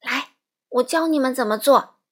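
A woman's voice: high-pitched, moderate pace, a bit bright. A woman voicing a fussy, bossy middle-aged woman neighbor in a storybook, nagging and know-it-all.

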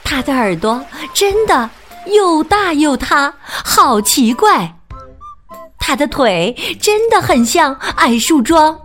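Slow, sing-song woman storyteller. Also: sits high, sing-song, a bit bright, soft background music. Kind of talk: children's story reading.

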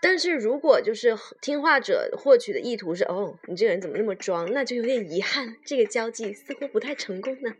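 A woman's voice: a little high, animated, brisk, few pauses. A woman co-hosting a casual chat in a playful, teasing manner. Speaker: co-host of a two-person chat show.

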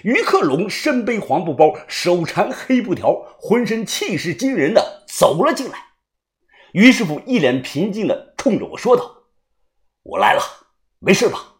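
Animated woman telling a martial arts story. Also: medium pitch, normal speed. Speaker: audiobook narrator. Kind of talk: first-person story narration.

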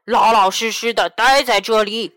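A woman voicing a greedy, bullying male bandit chief and his bandits in a storybook reading, with loud, gruff shouting. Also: medium pitch, expressive, unhurried, soft background music. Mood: gruff bossy.

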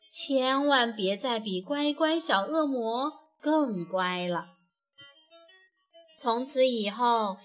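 A woman narrating a children's storybook in a gentle, expressive way. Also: sits high. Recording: faint background music.

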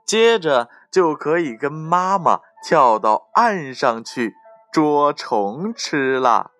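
A man voicing a cheerful mother frog, speaking fondly and a little louder, with faint music behind. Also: fairly high pitch, animated, drawn-out words, dry recording, clean studio sound, voice pushed up, full character voice.

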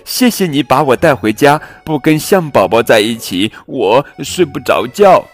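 A man voicing a frightened lost talking teddy bear, crying out in a high wail. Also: sing-song, normal speed, faint music behind. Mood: pleading. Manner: high-pitched wailing cries.

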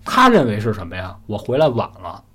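A man's voice: fairly low pitch, wildly swooping pitch, fairly quick, bright, forceful tone, breathy edge. A man telling a story in a chatty, conversational way, often asking the listener questions. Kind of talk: casual spoken storytelling.

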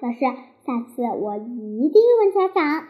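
Cheeky carefree little schoolgirl, voiced by a woman storyteller, giggly, high pitch, lo-fi. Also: sing-song, measured pace. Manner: giggly, nonchalant.

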